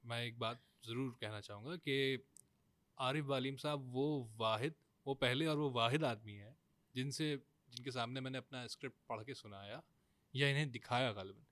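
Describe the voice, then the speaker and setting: A man's voice: medium pitch, a bit bright, no echo. A man, a scriptwriter guest who talks hesitantly and often restarts his phrases. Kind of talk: casual studio conversation.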